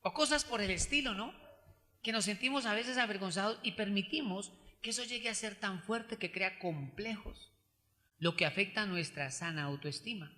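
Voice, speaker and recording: A man preaching with a high, piercingly bright voice. He dramatizes everyday complaints in quoted voices and slows to a loud, measured delivery for scripture. The sound rings with the long reverb of a church hall. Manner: expressive preaching, acts out quoted voices, reads scripture loudly and slowly. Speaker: pastor. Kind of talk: sermon.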